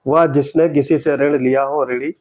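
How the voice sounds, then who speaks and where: A man tutoring for an exam, going through test answers in a steady way and repeating each key word for emphasis. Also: mid-range voice, normal speed.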